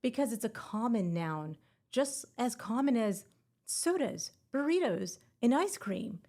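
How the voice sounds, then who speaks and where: A woman's voice: fairly high pitch, big pitch swings, measured pace, mellow. A woman hosting a scripted exam-prep podcast and teaching grammar in a playful, upbeat way with puns.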